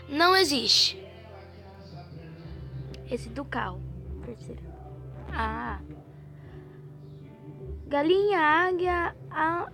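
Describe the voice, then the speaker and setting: A woman with a Brazilian accent, hoarse and stuffy-nosed, thinking aloud as she guesses through a quiz game, with mild swearing. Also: high-pitched, pushed and bright. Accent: Brazilian Portuguese. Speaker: gaming channel host. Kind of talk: casual gameplay commentary.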